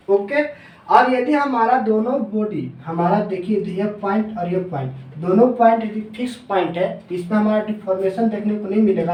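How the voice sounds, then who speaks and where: A man teaching engineering in a classroom lecture. He asks questions and answers them himself, drops lower on the answers, and slows down when dictating formulas. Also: darkish tone, distant mic. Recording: echoey room, voice off-mic.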